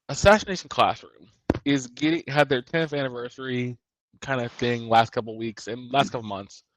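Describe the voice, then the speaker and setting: A man's voice: mid-range voice, fairly bright tone, dry recording, poor audio. A man co-hosting a podcast, talking casually and rambling, often restarting his sentences. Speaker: podcast co-host. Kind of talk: casual chat.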